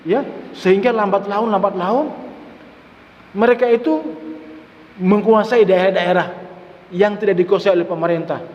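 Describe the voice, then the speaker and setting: Male preacher with a higher voice, emphatic and repetitive, recorded lo-fi in a reverberant mosque hall. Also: moderate pace, long pauses. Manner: repeats words for emphasis, mixes in Arabic phrases. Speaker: Islamic preacher. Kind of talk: mosque study-session sermon. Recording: echoey mosque hall, dull lo-fi sound.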